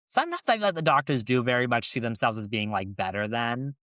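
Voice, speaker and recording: A man's voice: medium pitch, expressive, quick pace, bright, forceful tone, dry recording. A man co-hosting a podcast in casual chat, talking loosely with frequent restarts and laughs. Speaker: podcast co-host.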